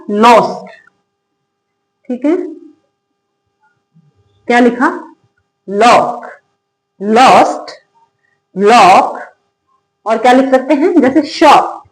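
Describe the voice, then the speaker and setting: A woman with a high voice teaches English phonics in a classroom manner. She poses a question and answers it herself, and she drills example words slowly. The sound is roomy and echoey. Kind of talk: classroom-style phonics lesson. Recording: echoey room.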